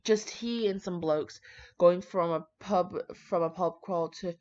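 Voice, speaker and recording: In a lowish, slightly mellow voice and at an unhurried pace, a woman reads fan fiction aloud casually, adding rambling, foul-mouthed, brash commentary. The home recording sounds a touch dull and lo-fi.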